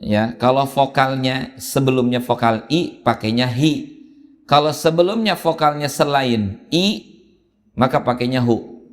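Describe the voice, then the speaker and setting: Slow-spoken man teaching in a mosque hall. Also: medium pitch. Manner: patient explaining, drawn-out chanted examples. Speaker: Quran teacher. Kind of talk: mosque Quran reading lesson. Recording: long hall reverb in a mosque.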